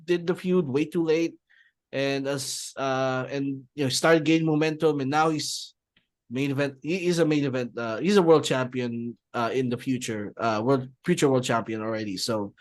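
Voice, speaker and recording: A man's voice: medium pitch, fairly even intonation, moderate pace. A man chatting on a podcast, rambling with frequent laughs and Tagalog mixed in. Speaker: podcast co-host. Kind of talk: casual podcast chat.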